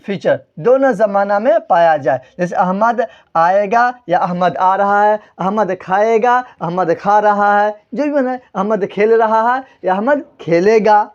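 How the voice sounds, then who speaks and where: With a high, animated voice in a dull-sounding recording, this Urdu teacher runs a grammar lesson at the board. His habit is to ask the class questions, answer them himself, and spell each word letter by letter.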